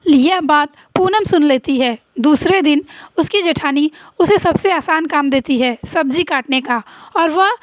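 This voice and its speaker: High-voiced woman telling a story. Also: unhurried, few pauses, no echo, studio quality. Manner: plain, steady retelling. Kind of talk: storybook narration.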